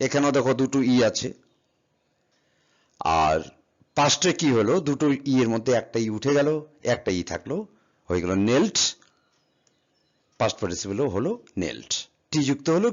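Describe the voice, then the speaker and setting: Male teacher, patient classroom explaining, spells letters out, animated intonation, dull recording. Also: medium pitch, moderate pace, long pauses. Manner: patient, spells words letter by letter, asks and answers his own questions. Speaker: English grammar teacher. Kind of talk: classroom lesson explaining verb forms. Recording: slightly dull, lo-fi sound.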